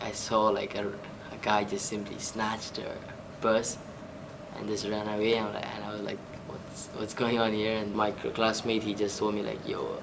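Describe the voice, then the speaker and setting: A man's voice: on the low side, gravelly, background noise. A man from Tanzania, an international student, casually telling a story about life here. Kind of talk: documentary interview. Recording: far from mic with music.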